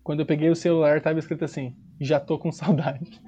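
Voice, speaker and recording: A man's voice: a little high, fast talker, husky. Slangy São Paulo man telling a story. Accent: São Paulo Portuguese. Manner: slangy, animated storytelling that acts out quoted dialogue. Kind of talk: casual chat. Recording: dull lo-fi recording.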